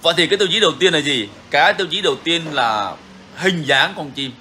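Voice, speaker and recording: Man, casual frank talk, bright voice, slight background noise. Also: a little high, animated, quick pace. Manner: frank, repetitive, chatty. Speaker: bird-keeping channel host.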